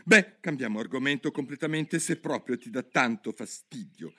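A man's voice: medium pitch, lively intonation, moderate pace, sharp tone, slightly rough, voice pushed up. A man reading a storybook aloud, voicing a curious, polite young girl who rambles eagerly. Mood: chatty.

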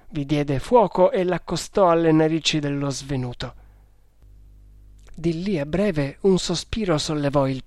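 A man reading an adventure novel aloud as narrator, slowly and in a measured way. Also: on the high side, no echo, studio quality. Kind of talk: audiobook reading.

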